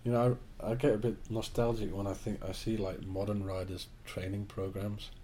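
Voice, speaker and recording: Low mellow guy, easygoing host, lots of yeahs. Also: little pitch movement, moderate pace, a little hiss or hum. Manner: short agreeing replies, easygoing. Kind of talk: casual chat.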